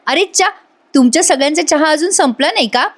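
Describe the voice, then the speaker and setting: A woman's voice: sits high, lively intonation, brisk, pitched above the performer's own voice. A woman playing an earnest young bride. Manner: sincere, gentle. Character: earnest young daughter-in-law.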